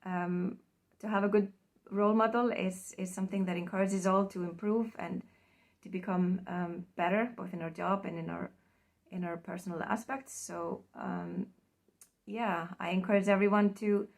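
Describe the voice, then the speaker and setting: Icelandic woman, mid-pitched, halting thank-you speech with lots of ums. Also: fairly even intonation, vocal fry. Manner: hesitant, many ums, trailing off quietly. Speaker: award recipient. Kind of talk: prerecorded acceptance speech.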